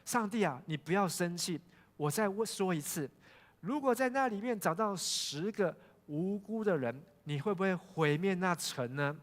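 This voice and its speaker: A man's voice: sits high, expressive, moderate pace, voice pushed up. A male pastor voicing a humble, aged patriarch pleading earnestly with God. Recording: long church hall reverb.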